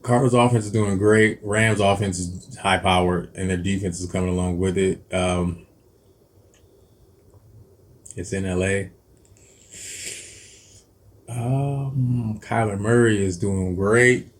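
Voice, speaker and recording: Rambling low-voiced man making football picks. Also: fairly even intonation, measured pace, long pauses. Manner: rambling, hesitant, many ums and self-corrections. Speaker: cooking channel host. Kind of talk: casual football picks chat while eating.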